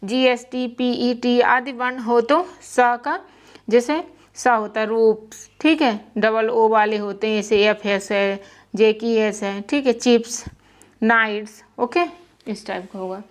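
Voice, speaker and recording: In a Hindi-language lesson on spelling rules, a young woman teaches English pronunciation, patiently repeating words and spelling out letters. Her voice is on the high side, with fairly even intonation and a slow pace.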